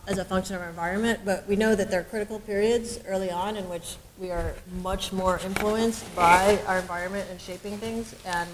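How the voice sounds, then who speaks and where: On this rough recording with slight background noise, a medium-pitched female researcher explains her thinking on an academic panel. Her delivery is searching and reflective, peppered with ums and frequent restarts.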